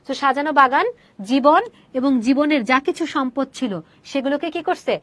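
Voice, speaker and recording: Young female teacher, high-pitched, dry close mic; rhetorical questions, English words sprinkled in. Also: normal speed, a bit bright, dry recording. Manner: asks questions and answers them herself; mixes English words into her explanation. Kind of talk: online class explaining a poem.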